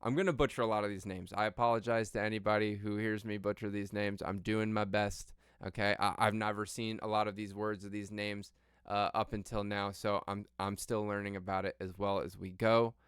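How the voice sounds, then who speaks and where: A man's voice: on the low side, little pitch movement, a little fast, fairly bright tone, clear, resonant tone, no room sound, clean studio sound. A man hosting a casual news livestream, blunt, sweary and emphatic, with slightly tongue-tied speech as if his mouth were numb from the dentist. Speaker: livestream host. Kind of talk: casual news commentary to viewers.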